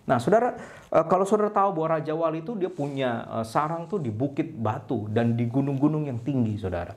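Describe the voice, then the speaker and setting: A man preaching an online sermon for an online service, telling a story with lively acted-out cries and dropping low and soft at the end of phrases. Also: brisk. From Indonesia. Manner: animated storytelling, acts out a crying eaglet; ends phrases with a low, soft address to listeners. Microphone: online service broadcast.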